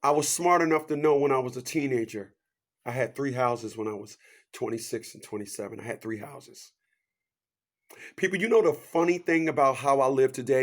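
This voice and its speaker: A man in his fifties gives a preachy motivational talk full of rhetorical questions and repeated catchphrases. His voice swings between loud, high bursts and hushed asides.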